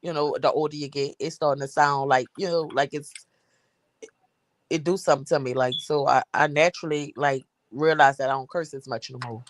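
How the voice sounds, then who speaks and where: A woman's voice: deep voice, fairly even intonation, brisk, slight background noise. A woman in her forties, chatting casually on a live stream, rambling and repeating herself with frequent laughs. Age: 40s. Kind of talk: casual chat.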